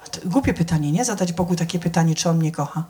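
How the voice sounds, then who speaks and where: A woman's voice: on the low side, quick pace, dark tone, breathy edge. A middle-aged woman giving an informal sermon, chatty and conversational, often asking the audience if they follow and acting out the people she quotes. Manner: conversational, keeps checking with the audience; acts out quoted people with shifts in voice. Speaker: church speaker.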